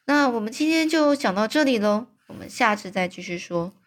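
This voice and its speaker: A woman telling a children's story aloud in a chatty way, padding lines with soft filler particles. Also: on the high side, lively intonation, fairly quick.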